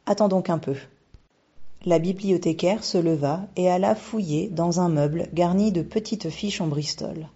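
A woman calmly narrating a storybook in a measured reading, with a dull lo-fi sound. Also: on the low side, breathy edge. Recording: dull lo-fi recording.

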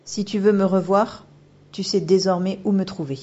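A woman's voice: medium pitch, fairly even intonation, moderate pace, mellow, lightly acted. Casting: woman reading a cool, commanding spirit woman who turns into an otter; slightly raised, firm, dull recording. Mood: imperious. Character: mysterious shapeshifting otter spirit woman, haughty. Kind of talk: audiobook character voice.

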